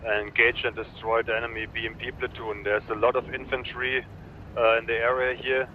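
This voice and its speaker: Man on a tinny walkie-talkie radio. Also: mid-range voice. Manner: calm, filled with "uh" pauses. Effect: over a walkie-talkie style radio. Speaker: tank commander player. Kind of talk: clipped military radio procedure. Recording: tinny radio line with faint hiss.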